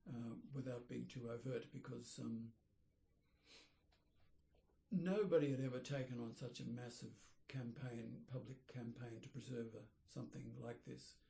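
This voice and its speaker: An older man, an architect, reminiscing in an interview, rambling and pausing to search for names. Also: mid-range voice, steady tone, gravelly, warm tone. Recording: roomy echoey room.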